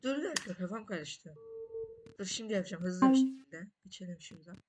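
A woman talks her way through a maddening platform game, muttering and repeating short phrases to herself. Her pitch sits in the middle range. Loud background noise and clicking run under her voice. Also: animated, fairly quick. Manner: frustrated self-talk, repeats short phrases. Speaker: gamer playing a frustrating platform game. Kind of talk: casual game commentary.

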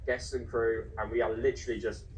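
A man's voice: medium pitch, little pitch movement, brisk. A man in his thirties presenting as an upbeat cruise TV co-host, playful and teasing in light banter. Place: filmed off a television screen in a room. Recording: distant TV playback with background noise.

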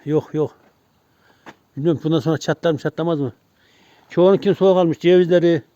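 Male vlog host, casual, very quick delivery, slightly high pitch, outdoors. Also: fairly even intonation, mellow, dry recording. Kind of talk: casual chat. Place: outdoors in a garden. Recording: dull lo-fi outdoor recording.

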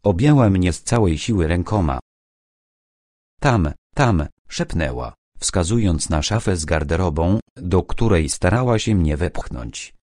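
Deep-voiced man reading an audiobook. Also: dry recording, studio quality. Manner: measured, dramatic storytelling with steady phrasing. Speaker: audiobook reader. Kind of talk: scripted dramatic narration.

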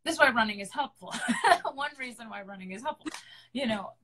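A woman's voice: a little high, animated, a little fast, bright, forceful tone, slight background noise, rough recording. A woman opera singer, a guest in a live online interview, explaining things earnestly and repeating her points for emphasis.

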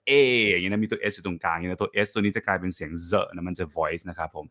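A man's voice: sits low, steady tone, fast talker, pushed and bright. A man teaching a classical singing masterclass online. He talks in a friendly, encouraging way, sings short phrases to demonstrate, and drops English and Italian musical terms into his speech.

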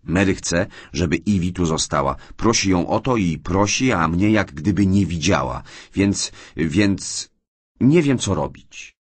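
A man reading an audiobook and voicing a shy, tearful young orphaned woman in a raised, soft voice. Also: sits low, measured pace, hardly any pauses, husky, no echo. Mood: hurt, tearful.

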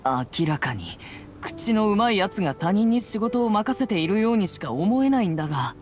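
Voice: mid-range voice, very animated, moderate pace, lightly acted. A voice actor playing a dry, reluctant young exorcist in a video game, grumbling retorts.

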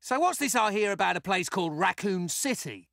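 A man playing a cocky, foul-mouthed raccoon space soldier in a video game, a gravelly voice and brash, sarcastic taunts. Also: high voice, very animated, fairly quick, a bit bright, no echo, clean studio sound, exaggerated voice. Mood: cocky taunting.

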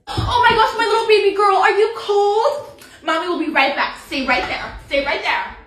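A woman's voice: sits high, moderate pace, bright, forceful tone, echoey room, slight background noise. A woman playing a middle-aged mother who swings between stern and doting.

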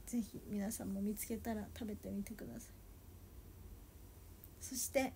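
A woman in her twenties chatting casually on a solo livestream, soft and a little sleepy, sometimes dropping to a murmur. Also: medium pitch, fairly even intonation, moderate pace, slight background noise. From Japan. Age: 20s. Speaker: idol livestreamer.

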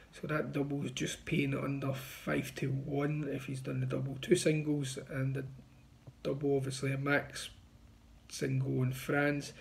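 A man's voice: medium pitch, gravelly, a little mellow. A man in his thirties giving casual, confident betting tips to camera from a small room, recorded on a phone. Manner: confident, chatty, pushing bets. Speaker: betting tipster. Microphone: phone front camera at arm's length.

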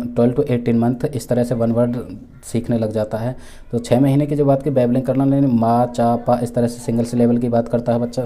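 Dark flat-voiced man teaching. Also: mid-range voice. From India. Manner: repeats each point with Hindi and English terms; many fillers and restarts, measured explaining. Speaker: teacher for exam preparation. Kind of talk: recorded exam-prep lecture.

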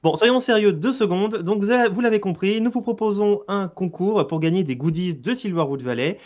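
A playful man co-hosts a gameplay video in loose casual chat. His voice sits a little high, and he talks in a chatty, meandering way. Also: fairly quick, a little mellow. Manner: chatty, playful, lots of fillers. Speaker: let's play co-host.

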